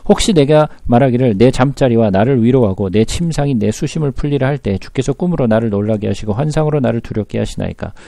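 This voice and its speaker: A man reading scripture slowly and then explaining it, checking in with listeners through rhetorical questions. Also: medium pitch, creaky, mellow, no room sound. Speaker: Bible teacher.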